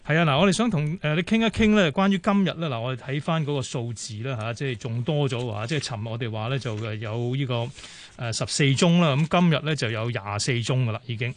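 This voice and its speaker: A man with a Hong Kong Cantonese accent hosting a radio phone-in show, brisk and full of fillers. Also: medium pitch. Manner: brisk, many fillers and pauses. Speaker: radio talk show host.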